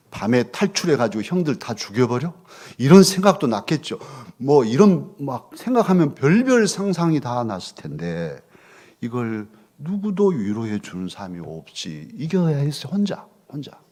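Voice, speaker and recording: Expressive male pastor preaching. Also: mid-range voice, moderate pace. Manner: expressive, swings from loud questions to soft near-whispers. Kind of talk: sermon. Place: church sanctuary.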